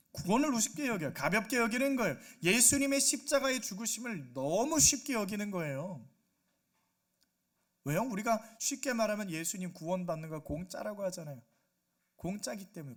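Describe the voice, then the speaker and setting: A man preaching a Sunday sermon as pastor, animated, acting out quoted voices and asking the congregation questions. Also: high-pitched. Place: church sanctuary.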